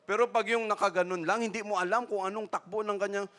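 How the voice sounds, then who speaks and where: A man's voice: high voice, fairly even intonation, fast talker, fairly bright tone. A man pastor with a Filipino accent, preaching a sermon in mixed languages, checking in with "no?" and acting out the people in the story. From Philippines. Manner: Taglish preaching, frequent "no?" tags, acts out voices.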